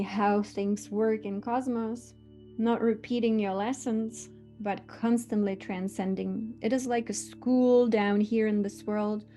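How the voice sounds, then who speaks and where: Woman, spiritual teacher, warm mellow tone, earnest and unhurried delivery. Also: medium pitch.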